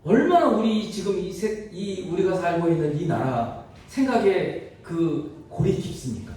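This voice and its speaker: A man's voice: high voice, big pitch swings, a little slow, warm tone. A man preaching a sermon to his congregation in a conversational way, putting rhetorical questions to his listeners. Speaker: pastor. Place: church sanctuary. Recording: echoey church hall from far off.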